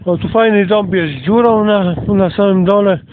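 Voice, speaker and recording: Recorded on a phone while walking through the countryside, a man hosts a homemade audio walk, rambling casually at a moderate pace in a high-pitched voice. The audio is tinny and carries outdoor noise.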